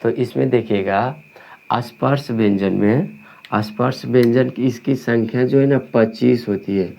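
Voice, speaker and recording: A man with a Bihari Hindi accent teaching a grammar lesson, asking and answering his own questions and dictating slowly and repetitively. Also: mid-range voice, vocal fry, dark tone, poor audio. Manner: slow dictation, drawn-out words.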